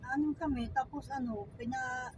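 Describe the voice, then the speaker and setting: A Filipina woman telling a story in casual chat, animated and quoting people. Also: high voice, normal speed. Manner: animated storytelling with acted quotes. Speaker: storyteller recounting a theft. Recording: distant mic with loud road noise.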